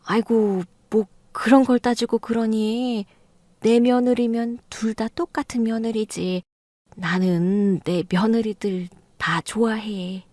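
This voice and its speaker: A woman's voice: on the high side, fairly even intonation, measured pace, mellow, no room sound, clean studio sound, lightly acted. Woman voicing a flustered old mother-in-law. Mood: placating. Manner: defensive, flustered, pleading. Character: older mother-in-law, stubborn then backpedaling. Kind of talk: audio drama reading.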